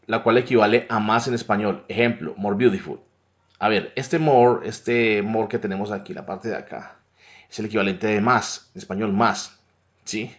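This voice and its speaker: A man explains English grammar over slides, often checking in with tag questions. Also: lowish voice. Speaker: English teacher. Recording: dull lo-fi recording.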